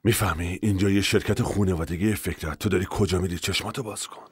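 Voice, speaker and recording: A man's voice: sits low, fairly even intonation, breathy edge, no echo, studio quality. A man dubbing an exasperated older brother pleading about family and business in a TV drama. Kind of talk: Persian dub of a TV drama.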